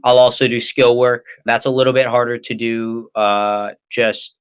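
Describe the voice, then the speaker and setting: A young American man, a ninja athlete and coach, answers casually as an interview guest in a hesitant, rambling way. His mid-range voice is clear and resonant, with a flat, unhurried delivery.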